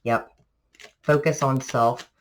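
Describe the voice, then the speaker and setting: Stuffy-voiced tarot reader, relaxed chatty vlog delivery, rambling. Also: medium pitch, slow pace, a little hiss or hum, rough recording. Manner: chatty, rambling, many fillers. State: congested from allergies. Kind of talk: casual tarot reading for viewers.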